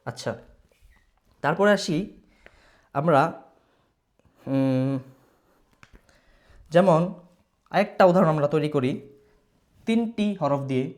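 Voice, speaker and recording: A man's voice: a little high, animated, a little mellow. Patient man teaching reading. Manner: patient, repeats syllables slowly for students to follow; mixes English words into his talk. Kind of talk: online reading lesson.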